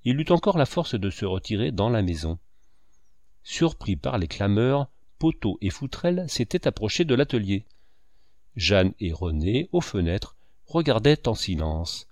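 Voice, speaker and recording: A man's voice: fairly low pitch, sing-song, a little slow, a little mellow, no echo. Man reading a novel aloud, dry close sound. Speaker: audiobook reader. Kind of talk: literary narration.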